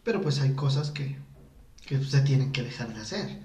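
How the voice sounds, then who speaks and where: A man's voice: medium pitch, animated, normal speed, mellow, far from the mic. Slangy Mexican man, roomy and off-mic. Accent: Mexican Spanish. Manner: candid, slangy, laughs often. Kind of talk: casual chat. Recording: echoey room, a bit off-mic.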